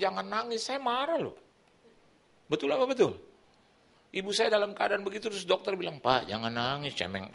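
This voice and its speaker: Male preacher, middle-aged, high and gravelly, bright edge; animated sermon storytelling, acts out the voices. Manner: animated storytelling, acts out quoted voices, swings loud and soft. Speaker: pastor. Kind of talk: sermon with personal testimony. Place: church hall.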